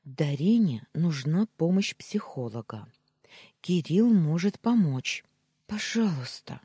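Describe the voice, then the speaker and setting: A man voicing a tearful young wife who pleads softly and rattles on when upset, in an audiobook. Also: low-pitched, very animated, takes it slowly, slightly rough, no echo, studio quality, heavily acted. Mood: pleading. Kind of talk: audiobook character voice.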